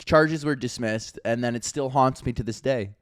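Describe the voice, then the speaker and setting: A man's voice: mid-range voice, moderate pace, dry recording, studio quality. A young man from Canada co-hosting a podcast, telling a rambling, profane story in casual chat and acting out the people in it. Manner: rambling, swears often, acts out people in his stories. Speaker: podcast co-host.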